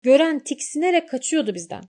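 A storybook talking beast, a palace guard, drawling its excuses slowly and humbly, told by a woman narrator. The voice sits a little higher than plain narration and stretches each word. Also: sing-song, dark tone. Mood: pleading. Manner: slow, drawn-out pleading. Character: talking animal guard, slow and pleading.

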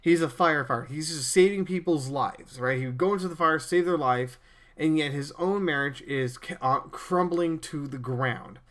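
Man, podcast host, earnest preachy monologue, stammering restarts, slightly high voice. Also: moderate pace, a bit bright.

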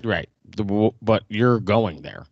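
A man co-hosting a casual podcast chat, throwing in quick wisecracks and short replies. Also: fairly low pitch, expressive, a little mellow, dry recording. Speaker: podcast co-host. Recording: dull dry lo-fi sound.

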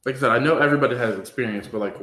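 A man hosting a casual podcast chat, relaxed and rambling with lots of fillers. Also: medium pitch, very fast. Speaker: podcast host. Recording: roomy echo.

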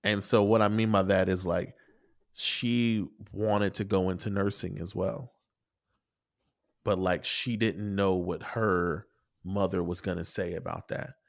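Rambling, low-voiced man on a podcast. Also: fairly even intonation, a little slow. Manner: rambling, frequent restarts and "like", casual swearing. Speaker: podcast co-host and article writer. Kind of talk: casual podcast chat.

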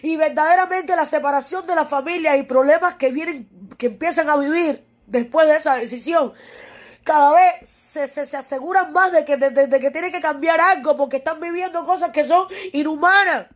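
A woman's voice: sits high, normal speed. A young woman with a Cuban accent speaking tearfully and wearily, repeating herself with passion and cursing as she pleads with a critic. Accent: Cuban Spanish. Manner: impassioned, repetitive, profane, pleading. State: tearful and weary. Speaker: musician addressing a critic. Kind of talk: emotional direct-to-camera monologue.

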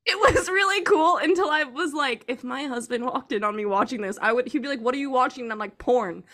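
A young woman co-hosting a podcast, chatting casually with giggly, animated storytelling. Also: high-pitched, brisk. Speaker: podcast co-host. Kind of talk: casual chat.

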